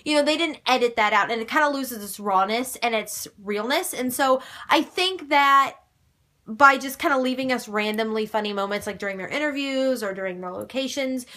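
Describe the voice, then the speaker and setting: Bright-voiced chatty young woman. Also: a little high, moderate pace. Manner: chatty, gushing and emphatic, with mild swearing. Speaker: fan vlogger answering viewer questions. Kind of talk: casual chat.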